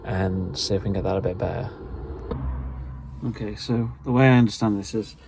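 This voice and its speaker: A vlogger who dabbles in radio gear rambles through casual, unscripted explanations, tentative and quick to put himself down. His fairly low voice holds a steady tone at a brisk pace, with background noise present.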